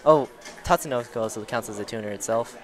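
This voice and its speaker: A man's voice: medium pitch, fast talker. A man doing casual live commentary on a card game match, chatty, laughing often and swearing casually. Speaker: tournament commentator. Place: busy card tournament venue.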